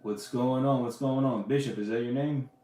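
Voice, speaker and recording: A man's voice: mid-range voice, fairly even intonation, moderate pace, dark tone. A man hosting a casual live podcast, chatting loosely with lots of fillers and restarts. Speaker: podcast host answering live questions. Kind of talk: casual livestream chat. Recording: roomy echo.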